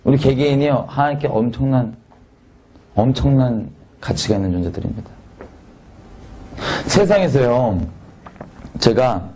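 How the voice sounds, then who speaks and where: A man from Korea preaching a sermon in a conversational, animated way, swinging from loud peaks to quiet asides. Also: medium pitch, a little slow, long pauses, slight background noise.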